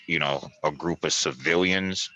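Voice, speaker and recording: Very deep, forceful-voiced man, deliberate. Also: low-quality recording. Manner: deliberate, repeats and qualifies his points, checks with "right?". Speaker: talk show co-host. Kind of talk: casual analytical discussion. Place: at work, speaking through a mask.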